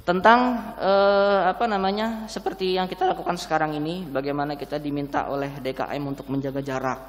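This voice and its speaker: A man delivers an Islamic sermon through a face mask, a little short of breath. His voice sits on the high side and rings with long hall reverb. He explains points conversationally, posing questions to his listeners. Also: steady tone, fairly quick. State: slightly breathless. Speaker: preacher. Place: large mosque hall, indoors.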